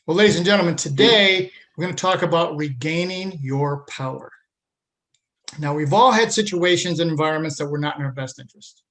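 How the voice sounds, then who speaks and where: A man's voice: on the high side, brisk, a bit bright. Earnest man hosting a podcast. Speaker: podcast host. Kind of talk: scripted intro then interview.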